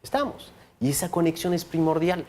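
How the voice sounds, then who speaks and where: A man giving a training talk on body language to an audience, lively, often checking in with listeners and playing with volume and speed for emphasis. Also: a little high, a little fast.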